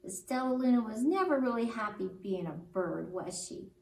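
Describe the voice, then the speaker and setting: A woman telling stories to young children in an animated story-time style. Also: fairly high pitch, moderate pace. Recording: roomy, distant mic, faint noise.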